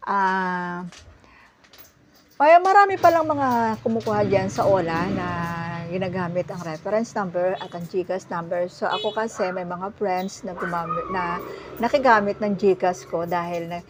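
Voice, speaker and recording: A middle-aged woman from the Philippines telling a personal story in a casual vlog. She talks in an animated way, often breaks into laughter, and restarts her sentences with many fillers. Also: medium pitch, normal speed, crowd noise. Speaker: vlogger.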